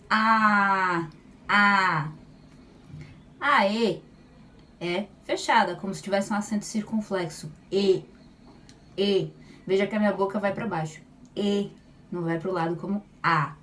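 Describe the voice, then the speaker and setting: Slow-talking woman teaching pronunciation. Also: mid-range voice. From Brazil. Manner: models each sound slowly and repeats it loudly. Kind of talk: slow, deliberate pronunciation lesson. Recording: voice slightly far from mic, faint room noise.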